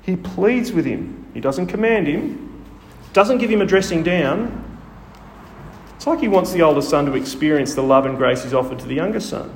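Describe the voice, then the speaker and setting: Preacher, animated storyteller, fairly high voice; recorded in a reverberant hall. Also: male voice, moderate pace, a little hiss or hum. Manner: storytelling, rhetorical questions. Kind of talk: sermon. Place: church hall. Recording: echoey hall with long reverb.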